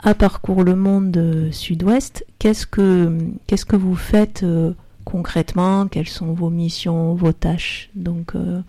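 A woman's voice: lowish voice, little pitch movement, slow, warm tone. A woman hosting a radio talk show in a studio, introducing guests with hesitant fillers.

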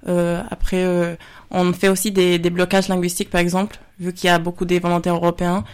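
Radio guest, woman in her twenties, Spanish accent, flat steady delivery, halting. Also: on the low side, clean tone. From Spain. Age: 20s. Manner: hesitant, many fillers. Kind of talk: radio interview answers. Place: radio studio.

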